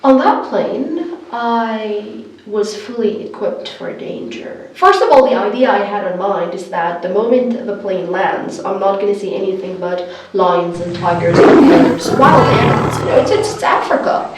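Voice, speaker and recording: A woman from Sudan, talking casually and telling stories in an animated, emphatic way as a co-host. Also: mid-range voice, a little slow, few pauses, slight background noise. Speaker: podcast co-host. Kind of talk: casual conversational storytelling. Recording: very echoey room, distant microphone.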